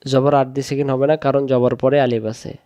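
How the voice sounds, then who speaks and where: A man teaching Quran reading, sounding out Arabic syllables one at a time and then joining them in a slow recitation lesson. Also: medium pitch, flat delivery, dark tone, muffled recording.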